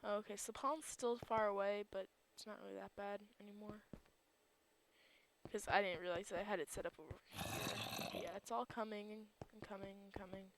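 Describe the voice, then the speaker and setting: A woman's voice: medium pitch, steady tone, normal speed, slight background noise. A woman giving casual gameplay commentary, groggy in her morning voice, rambling and thinking aloud with lots of fillers. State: groggy just-woke-up morning voice. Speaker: server owner and gameplay commentator.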